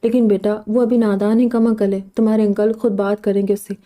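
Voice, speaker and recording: Fond middle-aged aunt and mother, read by a woman, warm-dark and level. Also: medium pitch, flat delivery, lightly acted. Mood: soothing. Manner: affectionate, gently joking.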